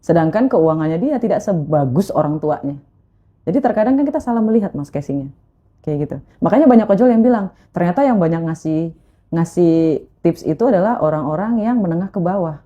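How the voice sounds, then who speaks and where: A woman's voice: lowish voice, brisk, dull audio. A woman guest in a casual interview, telling her own story with emotion and acting out the voices of the people in it. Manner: emotional, animated retelling with quoted voices.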